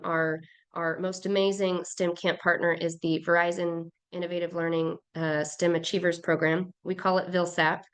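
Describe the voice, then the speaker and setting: A program director with a hoarse, fairly low-pitched voice gives an upbeat webinar presentation over a video call, full of fillers and restarts.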